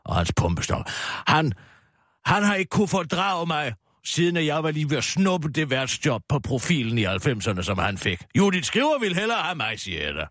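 A vain older woman TV host, fond of drink and easily slighted, as a man plays her in a radio comedy sketch. She rambles on in a petulant, indignant tone, her pitch swinging widely before dropping into a low grumble. The recording is close and dry. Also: big pitch swings, a bit bright, dry recording. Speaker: radio show regular.

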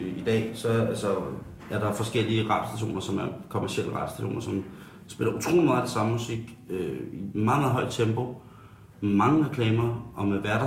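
A man's voice: on the low side, darkish tone, slight background noise, lightly acted. A man playing a tactless radio host who halts and restarts with frequent ums. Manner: halting, full of ums and restarts. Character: tactless male radio host who blurts dark jokes. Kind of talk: satirical talk-radio banter. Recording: roomy studio echo.

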